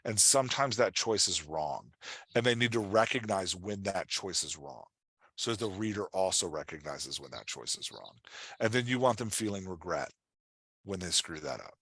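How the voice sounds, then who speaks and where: Answering audience questions in a live online session, this writing coach explains things conversationally and encouragingly, repeating phrases to stress them. He has a deep, slightly rough, fairly bright voice and speaks expressively at a moderate pace. There's no room sound.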